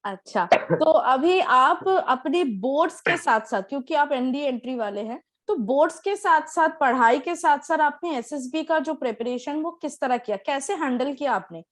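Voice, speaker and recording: High-voiced woman asking questions. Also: lively intonation, normal speed, few pauses. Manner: asks long questions with fillers. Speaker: interviewer, coach. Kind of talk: interview questions.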